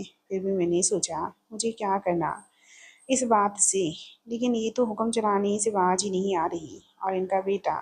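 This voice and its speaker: A hot-tempered young working woman in a storybook, outspoken and talkative, never holding her tongue, as a woman narrator puts her on. Her voice is husky and a little breathy, at a middle pitch for a woman. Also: a little mellow. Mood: angry. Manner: chatty, quick-tempered, blunt.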